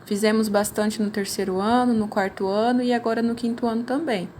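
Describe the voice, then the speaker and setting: A woman with a Brazilian Portuguese accent and a slightly high, steady, darkish voice speaks briskly over slight background noise. She is a primary school teacher patiently explaining worksheets in a recorded class, often ending her sentences with "né?".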